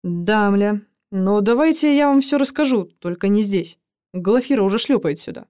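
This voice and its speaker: A woman reader voicing a cheeky young man who speaks in hushed urgency and wheedles when he flatters. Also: mid-range voice, normal speed, clear, resonant tone, no echo, clean studio sound, close to an everyday voice. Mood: urgent. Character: young male orderly, cheeky and quick.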